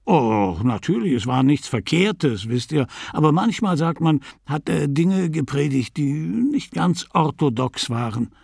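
A man reading a calm, self-assured middle-aged Dublin man who talks with confident authority. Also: a little high, a little slow, gravelly, hardly any pauses, husky, no echo, clean studio sound, voice pushed up, heavily acted. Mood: persuading.

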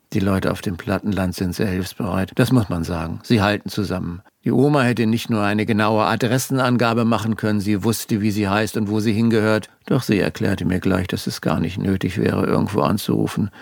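A man's voice: fairly low pitch, gravelly, dry recording. A man narrating a first-person story in a dry, wry tone. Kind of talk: audiobook storytelling. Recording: dry close studio recording.

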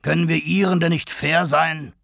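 A man's voice: a little high, fairly even intonation, normal speed, gravelly, a bit bright, no room sound, studio quality, pitched above the performer's own voice, heavily acted. A man voicing a hearty, blustering Irish canvasser who swears and talks with emphasis.

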